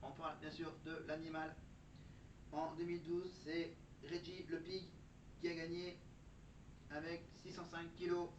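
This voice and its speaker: A man putting on the flat, monotone voice of a chatbot robot while reading out facts, picked up far from the mic in a dull, noisy recording. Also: fairly high pitch, unhurried, long pauses, roomy sound, close to an everyday voice. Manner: even, mechanical reading of facts. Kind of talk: factual segment delivered as a robot.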